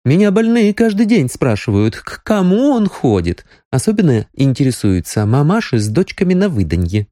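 A man's voice: fairly high pitch, very animated, normal speed, hardly any pauses, dark tone, no room sound, studio quality, voice pushed up. A man voicing a jealous, hot-tempered young woman, bitter and tearful. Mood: reproachful.

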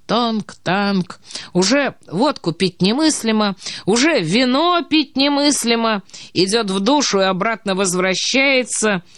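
Woman, audiobook narrator, measured expressive reading, medium pitch, dry close sound. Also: no echo.

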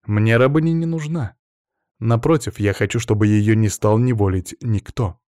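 A man with a slightly mellow, lowish voice, close to his everyday speech, plays a cold, self-assured young aristocratic heir at a normal pace. The heir speaks coolly and with control, making firm demands. The recording is dry and clean, studio quality.

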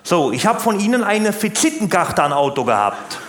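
A comedian voicing a loud, blunt older working-class man who keeps tacking on short questions. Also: very animated, moderate pace, reverberant, a little hiss or hum. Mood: complaining. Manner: blunt, tag questions, jumps in pitch. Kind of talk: stand-up routine and prank call.

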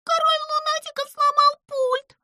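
Женщина озвучивает маленькую мышку-девочку: пронзительный, напряжённый, испуганный голосок в аудиосказке. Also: female voice, very high voice, level tone, a little slow, pushed and bright, dry recording, studio quality, voice pushed up, heavily acted. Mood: alarmed. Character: high squeaky female mouse, fretful and dramatic. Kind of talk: audiobook character voice.

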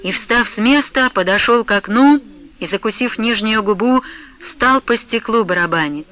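A woman narrating a classic novel as an audiobook, in an even storytelling manner. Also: fairly high pitch, normal speed, highs cut off.

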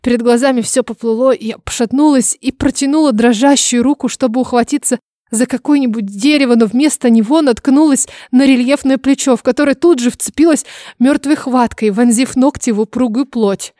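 A woman with a fairly high voice narrates an audiobook in first person, reading with dramatic expression. The sound is close and dry, with no room around it. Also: brisk, warm tone, no room sound.

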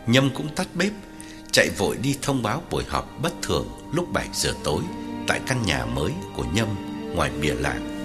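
A man narrating an audiobook in scripted narration with an expressive delivery. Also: sits low, fairly quick, over loud music.

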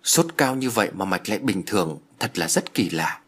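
A man's voice: deep voice, lively intonation, moderate pace, a bit bright. A man voicing a young woman doctor who talks in an anxious, pleading way in an audio story. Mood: worried.

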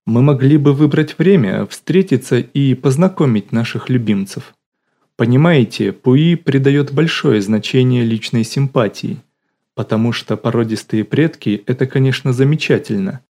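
A man voicing a sly young con man who teases dryly and talks smoothly, in an audiobook. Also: mid-range voice, normal speed, dark tone, lightly acted. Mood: dry teasing. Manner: dry, teasing, smooth-talking.

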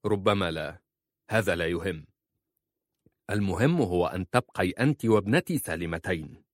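A man's voice: low-pitched, animated, moderate pace, no echo, clean studio sound. A man voicing a stern, impatient husband who gives curt orders. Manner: curt and commanding.

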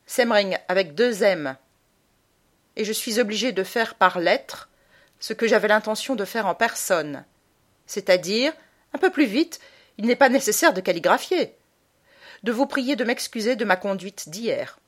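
A woman's voice: medium pitch, expressive, a little slow, voice pushed up. A woman voicing a stern, cold mother in an audiobook, with curt, commanding speech. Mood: dictating. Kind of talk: audiobook character voice.

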